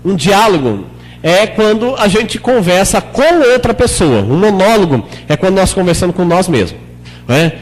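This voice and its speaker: A male pastor with a high voice delivers a sermon in an easy, conversational way. He keeps asking the congregation questions and sometimes acts out prayers in a lower, softer voice. The sound carries a long church reverb. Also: big pitch swings, normal speed. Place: church hall.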